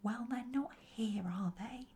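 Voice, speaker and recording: Woman whispering as gruff squabbling goblins. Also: medium pitch, unhurried, dark tone, natural voice. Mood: quarrelsome. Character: rude squabbling male goblins. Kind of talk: whispered role-play.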